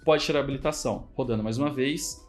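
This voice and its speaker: Speaking at a quick pace in a mid-range voice, a programming instructor with a Brazilian Portuguese accent chats his way through code in a screen recording. He regularly checks in with the viewer, and soft music plays underneath.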